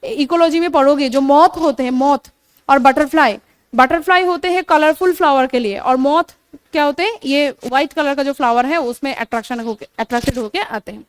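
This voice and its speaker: High-voiced woman teaching biology. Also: fairly quick, no echo. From India. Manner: explanatory, repeats terms, frequent "theek hai" check-ins, self-corrects. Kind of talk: classroom lecture mixing Hindi and English terms. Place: coaching classroom.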